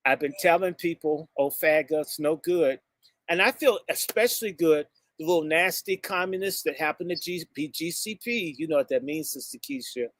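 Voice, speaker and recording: An American speaker with a high, bright voice fires up a live audience at normal speed, emphatic and drawn out on the words that matter. He's blunt and insulting, bouncing from one topic to another. The recording is dry.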